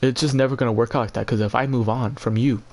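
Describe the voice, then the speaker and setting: A man venting casually on a livestream in an emotionally drained, halting, repetitive and profane way. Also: medium pitch, fairly even intonation, darkish tone, slight background noise. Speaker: live streamer.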